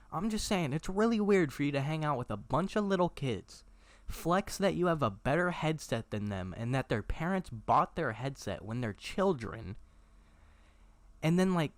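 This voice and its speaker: A man's voice: medium pitch, dry recording. Blunt profane young man ranting. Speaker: YouTuber. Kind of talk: callout rant to camera.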